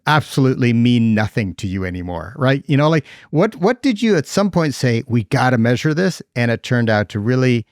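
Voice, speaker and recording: A man's voice: medium pitch, big pitch swings, brisk, few pauses, dry recording, clean studio sound. A man hosting a podcast, chatty and laughing easily, ending points with "right?" as he asks questions. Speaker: podcast host. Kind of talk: casual podcast interviewing.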